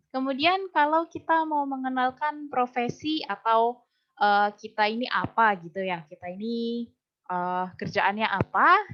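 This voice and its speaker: A woman teaching a language class, patiently repeating words slowly for her students. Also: a little high. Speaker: Mandarin teacher. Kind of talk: online Mandarin lesson in Indonesian. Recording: dull lo-fi recording.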